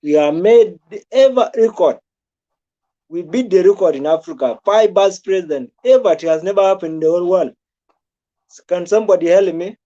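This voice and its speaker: A man's voice: sits high, normal speed, warm tone, dull audio. A man from South Sudan giving rambling, repetitive political commentary in a casual talk, with frequent restarts.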